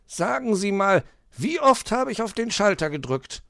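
A man's voice: high-pitched, moderate pace, vocal fry, dry recording, studio quality, voice pushed up, heavily acted. A man doing a proud, fussy fox. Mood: huffy. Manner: lively, self-satisfied and huffy. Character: fussy, proud male fox, fond of gadgets.

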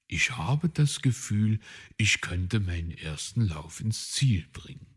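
Man doing a mild little gnome, husky. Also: on the low side, lively intonation, slow, exaggerated voice. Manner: candid, mild. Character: modest cautious little male gnome.

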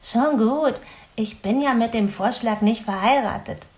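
A woman voicing a cheerful, curious young female helper who talks in a bright, playful way. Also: fairly high pitch, close to an everyday voice. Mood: apologetic, helpful. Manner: bright, playful, quick to laugh.

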